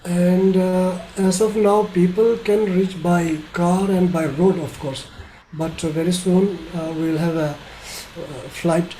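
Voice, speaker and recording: A middle-aged man with an Indian accent, giving an informal webinar talk as a tour operator in a halting, hesitant way. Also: sits high, fairly even intonation, dark tone. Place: small bedroom indoors, video call. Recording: slightly noisy video call.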